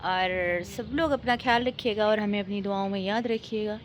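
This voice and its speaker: A woman's voice: medium pitch, moderate pace, a little hiss or hum. A young Pakistani woman with a Pakistani accent, vlogging outdoors in a casual, mocking, sarcastic way. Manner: mocking, sarcastic, teasing banter. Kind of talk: casual chatty vlog.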